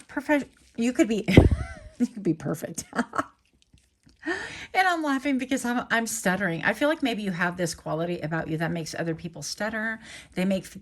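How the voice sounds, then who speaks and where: A woman's voice: lowish voice, a little hiss or hum. A woman doing a casual tarot reading to camera, chatty and rambling, correcting herself and laughing lightly as she goes. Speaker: tarot reader.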